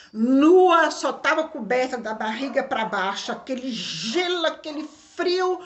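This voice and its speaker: A woman's voice: on the high side, fairly bright tone. A middle-aged woman from Brazil telling a personal family story in an informal, conversational way, often repeating phrases and adding "né". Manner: informal Portuguese grammar. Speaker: vlogger.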